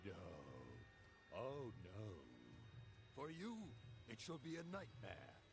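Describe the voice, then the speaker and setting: A man's voice: lowish voice, huge pitch swings, very slow, vocal fry, over loud music, exaggerated voice. A man voicing an angry male troll guarding a forest in a game story, threatening and roaring. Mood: menacing.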